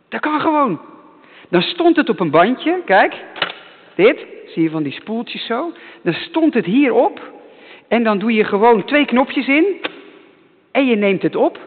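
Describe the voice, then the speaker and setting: Animated pastor talking to children. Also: male voice, very high-pitched, long reverb tail, phone-quality sound, slight background noise. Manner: animated, repeats himself to hold children's attention. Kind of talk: children's sermon. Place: church.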